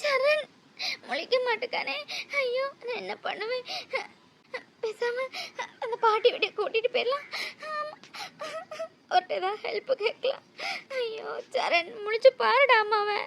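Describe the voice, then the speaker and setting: A woman's voice: high-pitched, very animated, measured pace, long pauses, a little hiss or hum, heavily acted. A woman voicing a young cartoon mother caring for her two sick small children, coaxing tenderly and pleading in tears. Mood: sobbing. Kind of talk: cartoon voice acting.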